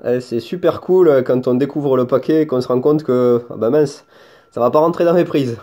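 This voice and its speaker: Man with a Toulouse accent, warm low tone, halting casual demo talk. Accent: Toulouse French. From France. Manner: hesitant, many fillers and restarts. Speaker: hobbyist showing his lightsaber. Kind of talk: casual show-and-tell.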